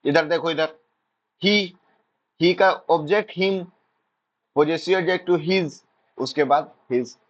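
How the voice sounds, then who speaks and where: A man's voice: on the high side, unhurried, long pauses, lo-fi sound. A male teacher giving an exam-prep grammar lesson, drilling points playfully with jokey asides.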